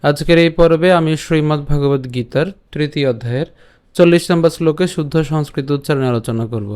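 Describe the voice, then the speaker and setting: A man teaching how to pronounce a scripture verse, drilling it syllable by syllable and reciting it slowly. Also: fairly high pitch, darkish tone, clear, resonant tone. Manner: slow syllable-by-syllable drilling of pronunciation; quick, brisk channel announcements. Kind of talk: online recitation tutorial.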